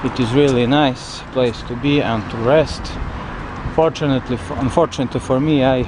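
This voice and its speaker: Halting male vlogger in loud outdoor wind. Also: mid-range voice, steady tone. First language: not English. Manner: halting, hesitant non-native English with searching pauses. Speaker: travel vlogger, tour guide. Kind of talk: unscripted walking city tour commentary. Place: outdoors on windy city streets by a river.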